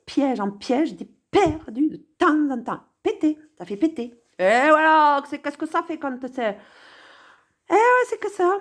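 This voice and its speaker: A woman's voice: high voice, very animated, unhurried. A woman giving casual, sarcastic commentary on a song, talking straight to the viewer and swinging between mutters and exclamations. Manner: sarcastic, playful, talks to the viewer.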